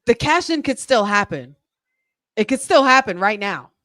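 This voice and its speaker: A woman co-hosting a live watch-along, reacting loudly and excitedly, swearing and cheering at the screen. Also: on the high side, normal speed.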